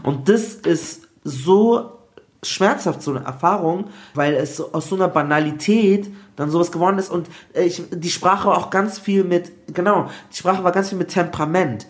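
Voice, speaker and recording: Brief: male guest, higher-pitched voice, lively storyteller who drops in English words, recorded in an echoey room. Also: moderate pace. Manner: animated, mixes in English words. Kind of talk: casual storytelling in a podcast chat.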